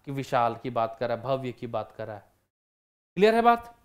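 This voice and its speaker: A man's voice: medium pitch, big pitch swings, normal speed. Man teaching, answering his own questions. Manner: asks questions and answers them himself, repeating key words. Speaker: exam prep teacher. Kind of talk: online vocabulary lesson.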